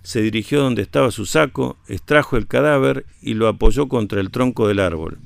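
A man narrating a folk tale for radio in a measured, low storytelling voice. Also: gravelly, dry recording.

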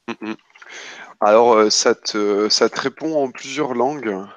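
A man improvising narration as a tabletop game master, casual and halting, often repeating words as he goes. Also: mid-range voice, no echo, muffled recording.

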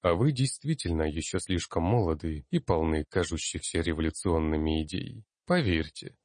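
A man voicing a calm older male fire mage who speaks in a measured, lecturing way. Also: low-pitched, dry recording, studio quality.

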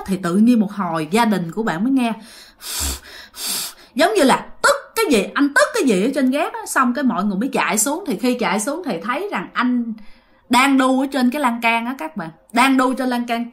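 A woman narrates a ghost story in a chatty, conversational way, speaking directly to her listeners. Her voice sits a little on the high side. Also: sing-song, brisk.

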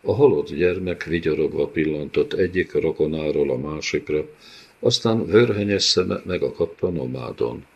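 Deep-voiced male audiobook narrator. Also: vocal fry, husky, highs cut off. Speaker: audiobook reader.

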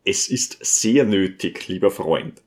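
A man voicing a smooth, scheming male visitor who talks in a coaxing, ingratiating way. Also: deep voice, lively intonation, takes it slowly, pitched below the performer's own voice.

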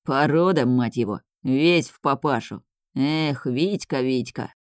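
A man's voice: dry recording, studio quality, close to an everyday voice. A reader voicing a hot-tempered, foul-mouthed bearded older man who growls and swears. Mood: gruff. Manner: growling, deep and slow.

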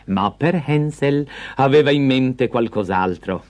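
A man reading a fairy tale aloud in a lively, expressive storytelling manner. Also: mid-range voice, measured pace.

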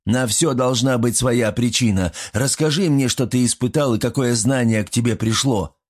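A man's voice: medium pitch, a little mellow, breathy edge, pitched above the performer's own voice, natural voice. A man voicing a cheeky, pushy little male gremlin who scolds and argues in an audiobook. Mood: badgering. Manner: bossy, scolding, quick to argue. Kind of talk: audiobook character voice.

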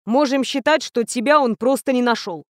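A woman's voice: fairly high pitch, normal speed, no room sound, lightly acted. A woman voicing a young male fey student who talks curtly and with dry sarcasm. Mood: dry, sardonic. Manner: curt, sarcastic.

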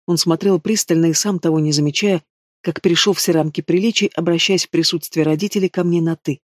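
Man, fantasy audiobook narration, expressive and steady, slightly high pitch, dry booth. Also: fast talker, no echo. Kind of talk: scripted narration.

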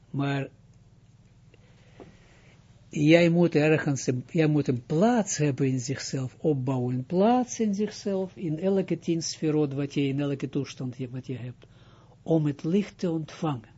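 A rabbi gives a loose spoken lesson, often pausing to ask whether his point is clear. His voice sits fairly high but sounds dark and husky. The recording is dull and lo-fi. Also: lively intonation. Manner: explains with frequent checks like "Duidelijk?" and halting restarts. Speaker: rabbi teaching Kabbalah.

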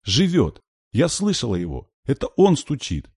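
A male reader voicing a frightened little girl who squeaks and sniffles. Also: huge pitch swings, moderate pace, darkish tone, breathy edge, no echo, clean studio sound, heavily acted.

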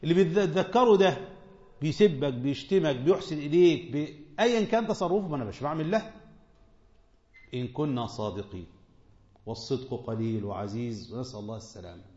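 A man's voice: mid-range voice, animated, fast, a little mellow. A man with an Egyptian accent teaching a religious lesson. He speaks in colloquial Arabic, asks his listeners questions and repeats short phrases for emphasis. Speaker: sheikh teaching a tafsir lesson. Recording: dull, lo-fi sound.

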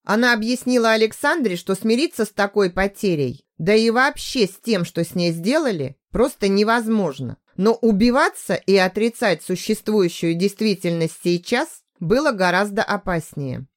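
A woman narrating a dark audiobook in a steady, even storytelling voice. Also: mid-range voice, normal speed, few pauses.

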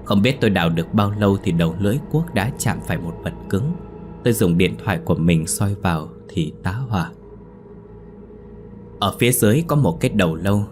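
A man narrating a first-person ghost story in a steady storytelling manner. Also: low voice, a little fast, faint music behind.

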